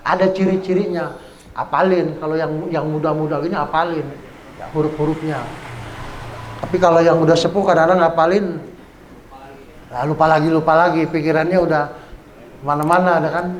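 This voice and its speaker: A man teaching Quran recitation rules, patiently repeating examples slowly and chanting verses. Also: high voice, slight background noise. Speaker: Islamic teacher. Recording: echoey room with faint ambience.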